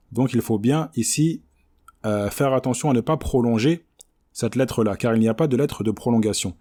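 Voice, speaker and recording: A man's voice: mid-range voice, mellow. Patient French man teaching recitation. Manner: patient, repeats and models each word slowly. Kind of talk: explanatory lesson on recitation.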